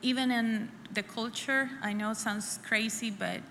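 In an echoey hall with faint room noise, a middle-aged woman from El Salvador haltingly and earnestly tells her personal story to a church women's conference, often saying phrases again. Her voice is a little high, steady, and a bit bright.

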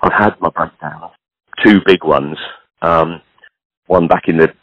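A British man in his sixties, a clothing entrepreneur appearing as a podcast guest, chats casually in a frank, rambling, self-deprecating way. His voice is low with fairly even intonation and a measured pace. The lo-fi recording has no echo.

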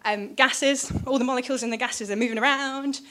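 A woman's voice: high voice, fairly even intonation, brisk, pushed and bright. Chatty woman explaining science. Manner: chatty and enthusiastic, full of fillers and self-corrections. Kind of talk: informal science explanation to an audience.

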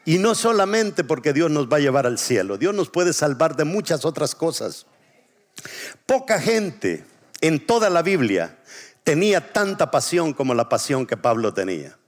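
Male pastor preaching, has folks repeat after him, stretches words out, voice on the higher side. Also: very animated. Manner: call-and-response preaching, drawn-out emphasis. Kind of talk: sermon.

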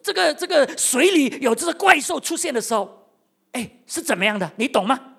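A preacher acting out God as a stern, booming voice that challenges a man with mocking questions. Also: big pitch swings, a little fast, gravelly, a bit bright, exaggerated voice. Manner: thunderous, mocking rhetorical questions.

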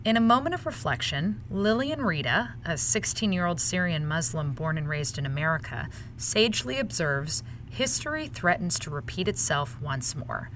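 A woman co-hosting a news podcast, moving between scripted reads and casual chat with an expressive delivery. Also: on the low side, normal speed, hardly any pauses, slight background noise. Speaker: podcast co-host.

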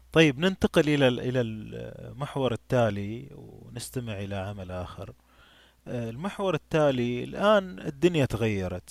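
A man hosting an interview podcast, steering the talk briskly from one topic to the next. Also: medium pitch, vocal fry, no echo. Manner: brisk, guiding, with short backchannels. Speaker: podcast host.

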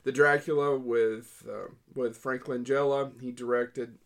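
A man's voice: medium pitch, slow pace. A man co-hosting a podcast, chatting casually in a joking, offhand way. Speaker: podcast co-host. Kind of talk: casual chat.

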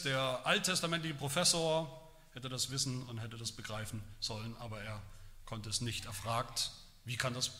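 A man preaching a sermon, emphatic, rising loud when he quotes. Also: mid-range voice. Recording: long hall reverb.

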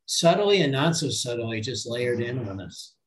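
A middle-aged man hosts a podcast in a relaxed, conversational way. He speaks at a mid pitch and tells small anecdotes as he reflects. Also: normal speed, slight background noise, poor audio. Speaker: podcast host. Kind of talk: casual interview conversation.

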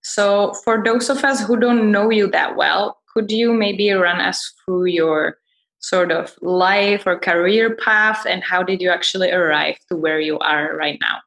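A woman's voice: on the low side, steady tone, unhurried, gravelly, a bit bright. Polite woman moderator, roomy sound. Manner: polite, formal phrasing. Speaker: podcast moderator. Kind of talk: scripted interview moderation. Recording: roomy, faint music behind.

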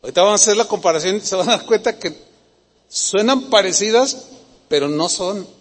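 Male pastor, high voice, emphatic sermon style in a reverberant hall. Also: brisk. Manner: emphatic, repetitive, questions the congregation. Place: church hall.

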